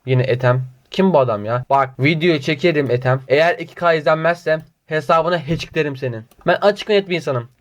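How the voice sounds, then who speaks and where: A man's voice: a little high, brisk, few pauses. A man reads viewer comments aloud in a casual vlog, answering them with mock outrage and sarcastic teasing. He mutters the same filler phrases over and over in a sing-song way between comments. The audio is slightly dull and lo-fi. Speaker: YouTuber reading viewer comments.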